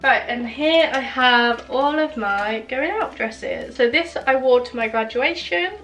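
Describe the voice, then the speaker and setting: A young woman talks through her wardrobe in a chatty, thinking-aloud way, her voice sitting a little on the high side. Now and then she stops to search for the right word. Soft music plays faintly underneath. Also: a little slow. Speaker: fashion vlogger. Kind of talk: casual wardrobe tour.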